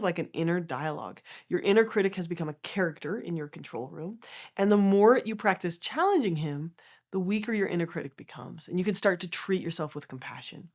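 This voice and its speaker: A young adult woman calmly and gently explaining therapy concepts in an educational video. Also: medium pitch. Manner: calm, gentle and reassuring.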